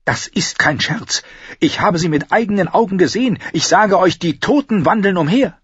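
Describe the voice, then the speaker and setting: Male reader doing a resentful knight, raised and insistent, husky, dry lo-fi audiobook. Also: a little high, animated, moderate pace, dry recording, pitched above the performer's own voice. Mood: furious. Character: bitter, proud knight of a remote watch, grown man.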